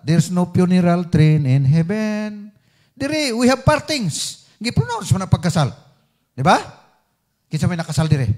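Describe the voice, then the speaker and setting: A man's voice: a little high, darkish tone. Filipino man preaching with emphatic rises. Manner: switches between Cebuano and English, frequent "See?" tags, rising to emphatic peaks. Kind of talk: sermon.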